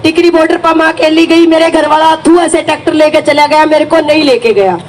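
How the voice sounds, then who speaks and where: High-voiced Haryanvi woman, impassioned. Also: steady tone, brisk, a little hiss or hum, low-quality recording. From Haryana, India. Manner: emphatic, rises to shouting when retelling. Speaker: farmer protest supporter. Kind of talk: impassioned first-person account.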